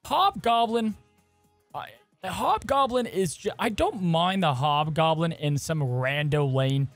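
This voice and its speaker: A man co-hosting a casual gaming podcast, animated and jokey as he runs the segments. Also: a little high, slow, dry recording, faint music behind. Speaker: podcast co-host.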